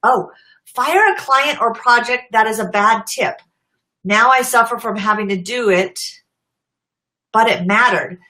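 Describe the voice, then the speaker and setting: Middle-aged american lady chatting on a livestream, bright voice, laughs a lot, talks to viewers by name. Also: a little high, unhurried, low-quality recording. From United States. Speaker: social media marketing host. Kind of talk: casual live-stream chat.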